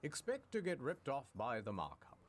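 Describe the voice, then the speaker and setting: A man's voice: medium pitch, wildly swooping pitch, moderate pace, crowd noise. A man delivering comedic scripted narration in a theatrical, mock-serious, punchy way. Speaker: video narrator and ad presenter.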